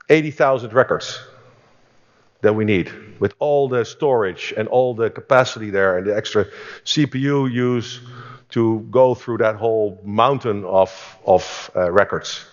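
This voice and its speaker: A chief executive giving an enthusiastic conference keynote, telling a story with frequent restarts. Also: male voice, medium pitch, a little slow. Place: conference stage. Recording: reverberant hall, dull sound.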